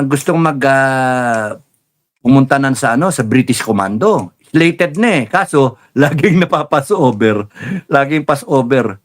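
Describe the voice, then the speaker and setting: Lively laughing man telling army stories. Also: medium pitch. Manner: laughing, acts out remembered dialogue. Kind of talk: casual storytelling in an interview clip.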